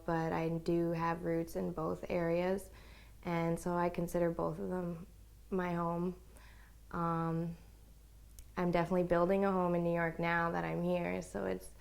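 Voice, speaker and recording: A young woman from Japan, talking about herself for a documentary interview. Her voice sits low with a gravelly, creaky edge. She speaks in an even, flat tone and often lets her phrases trail off softly. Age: young adult. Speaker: college student interviewee.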